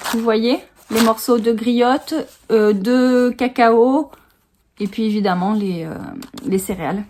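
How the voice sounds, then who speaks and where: A woman's voice: on the high side, warm tone. Chatty, giggly woman unboxing at home. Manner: chatty, giggly, many fillers. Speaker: vlogger. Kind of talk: casual unboxing chat. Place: home office, seated on a small sofa.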